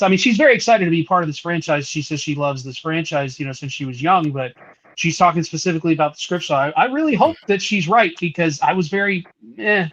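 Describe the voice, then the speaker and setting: Male podcast host, slightly high voice, muffled lo-fi recording, chatty and laughing. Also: fairly bright tone. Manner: laughs often, quick restarts. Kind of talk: casual chat.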